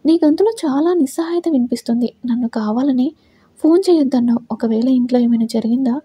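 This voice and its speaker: A woman voicing a worried, loving young husband who anxiously presses questions, in a dry, husky read. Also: high-pitched, fast, dark tone, dry recording.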